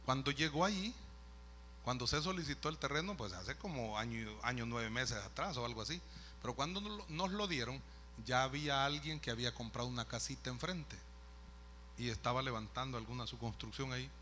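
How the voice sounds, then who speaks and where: A man's voice: medium pitch, animated, a little fast, sharp tone, slight background noise. A man, a pastor telling a story in a sermon, conversational with asides to the listeners. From El Salvador. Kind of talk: sermon testimony.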